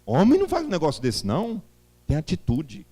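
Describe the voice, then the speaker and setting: A Brazilian man preaching a sermon in church, an emphatic, lively storyteller addressing his congregation. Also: on the high side, fairly quick, husky. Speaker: pastor.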